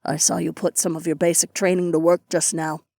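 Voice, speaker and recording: A woman voicing a stern, powerful female sect elder who speaks briskly and with command in an audiobook. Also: fairly low pitch, little pitch movement, creaky, dark tone, no room sound. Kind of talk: audiobook character voice.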